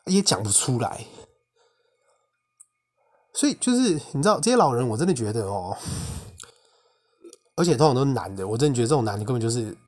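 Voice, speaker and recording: A young man with a Taiwanese Mandarin accent, hosting a podcast and telling a personal faith story in an indignant, animated way. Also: mid-range voice, fairly quick, pauses often. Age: young adult. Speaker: podcast host. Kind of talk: casual personal testimony monologue.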